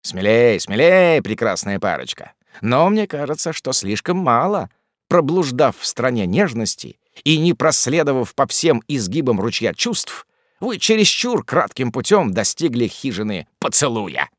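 A man's voice: mid-range voice, very animated, normal speed, dry recording, clean studio sound, close to an everyday voice. A man doing a sneering foppish young officer. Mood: mocking. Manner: ironic, sneering, affected.

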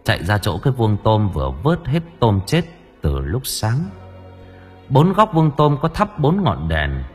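A man narrating an audiobook in an expressive, dramatic storytelling manner. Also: medium pitch, a little slow, slightly rough, soft background music.

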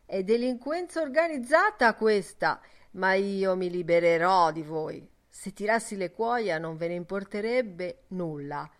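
A woman voicing a middle-aged, quick-tempered and sarcastic Irish father in an audiobook, with loud, mocking outbursts. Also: on the low side, natural voice. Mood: angry outburst.

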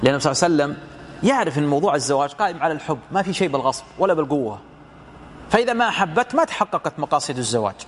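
A man's voice: on the high side, animated, racing, a little hiss or hum. A man giving a lecture commentary on hadith as a religious teacher, explaining through rhetorical questions and retold dialogue.

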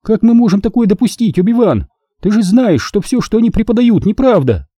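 A man voicing a hot-tempered teenage girl Jedi apprentice in an audiobook, quick to argue and indignant. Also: high-pitched, very animated, mellow, husky, dry recording, studio quality, pitched above the performer's own voice, exaggerated voice. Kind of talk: audiobook character voice.

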